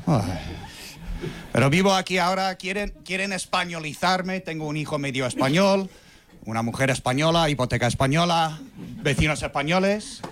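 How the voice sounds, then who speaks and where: An American man performing stand-up in a voice pitched a little high. His jokes land dry and punchy, with a faint hum of noise behind him. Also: lively intonation, moderate pace, fairly bright tone. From United States. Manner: dry, punchy joke delivery. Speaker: stand-up comedian. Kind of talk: stand-up comedy set.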